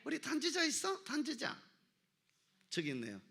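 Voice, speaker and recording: A woman leading worship in a church, animated and comic, breaking into shouted exclamations. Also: sits high, normal speed, husky. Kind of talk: lively church exhortation. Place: church sanctuary.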